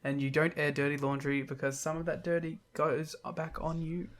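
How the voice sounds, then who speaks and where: A man's voice: fairly high pitch, little pitch movement, moderate pace, fairly bright tone. A man co-hosting a podcast in casual chat, with sarcastic, mocking interjections. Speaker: podcast co-host.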